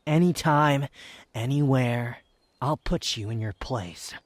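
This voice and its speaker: A man playing an aloof, proud, sardonic young wanderer in an intimate roleplay audio drama, speaking in haughty, formal, halting phrases. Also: medium pitch, dry recording, lightly acted. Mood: smug, menacing. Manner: haughty, formal wording, halting, sighs and scoffs.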